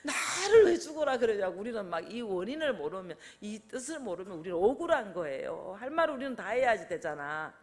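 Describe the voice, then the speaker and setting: An older woman preaching a sermon in a conversational way, asking her listeners questions and acting out quotes with lively changes of voice. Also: mid-range voice, brisk, few pauses. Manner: conversational, asks the congregation questions.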